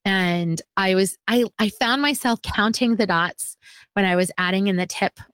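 On a casual podcast, a self-deprecating homeschooling mother in her 40s chats away, laughing at herself often. She speaks at normal speed in a medium-pitched, slightly bright, smooth voice, with no echo.

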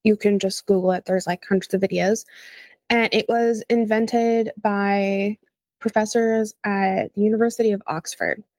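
A woman's voice: medium pitch, steady tone, moderate pace, darkish tone, no echo. A young woman who teaches math, explaining ideas in an upbeat, teacherly way during a casual chat.

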